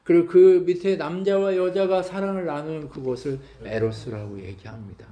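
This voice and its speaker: A man's voice: a little high, steady tone, normal speed, dark tone. A male pastor preaching a sermon, often asking the congregation questions and acting out bits of dialogue. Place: church sanctuary.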